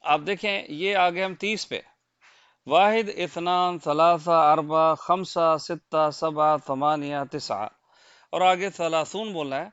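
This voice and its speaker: Male Urdu-accented teacher, smooth dry voice. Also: a little high, fairly even intonation, a bit bright, dry recording. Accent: Pakistani Urdu. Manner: patient, repetitive counting with rhetorical checks. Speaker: language teacher. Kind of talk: slide-based language lesson. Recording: dull, lo-fi dry close mic.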